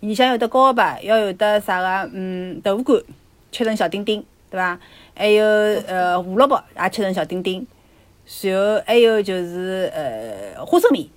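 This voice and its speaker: A woman's voice: mid-range voice, lively intonation, moderate pace, no room sound. A woman with a Shanghai accent chatting casually and explaining home cooking in step-by-step detail.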